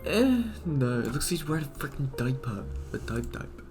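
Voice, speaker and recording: A man's voice: medium pitch, very animated, brisk, music in the background. A man animating at his computer, talking to himself in a rambling, fretful way with many restarts. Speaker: animator and video creator. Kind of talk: casual self-talk while working.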